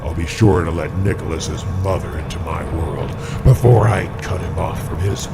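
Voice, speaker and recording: Male actor for a disembodied sorrow-feeding creature, deep gravelly drawl, slow and taunting. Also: loud music behind the voice. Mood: menacing. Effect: disembodied voice from nowhere. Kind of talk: audio drama acting.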